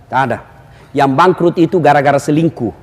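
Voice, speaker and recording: High-voiced joking preacher. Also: male voice, brisk, long reverb tail. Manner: jokey, teasing, animated. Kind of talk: humorous sermon.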